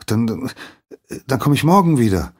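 A man's voice: lowish voice, expressive, fairly quick, pitched above the performer's own voice. A man voicing an overeager young male apprentice smith who stammers in a spoken docu-drama. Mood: eager.

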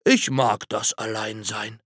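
A man voicing a calm, easygoing male bear who likes being alone, in a children's storybook reading, speaking in an unhurried, laconic way. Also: lowish voice, dry recording, clean studio sound.

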